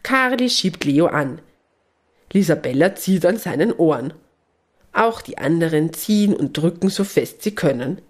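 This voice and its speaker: Woman narrator, low, husky, gentle storybook reading. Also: lively intonation, measured pace.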